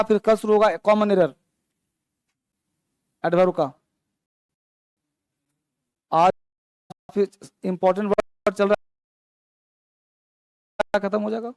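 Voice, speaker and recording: There's no room sound around this man's high, smooth voice as he teaches English grammar online. Patiently explaining, he mixes Hindi and English words and refers to his students as beta and babu.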